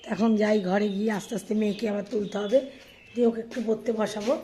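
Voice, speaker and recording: A hoarse woman in her thirties, a mother chatting through her daily routine in a casual vlog. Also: mid-range voice, steady tone, very fast, dark tone, slight background noise. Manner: chatty, addresses viewers directly. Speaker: vlogger and mother.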